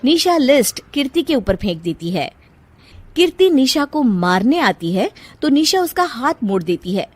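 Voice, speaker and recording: A woman's voice: on the high side, very animated, unhurried, slight background noise. A woman narrator reading a scripted moral story.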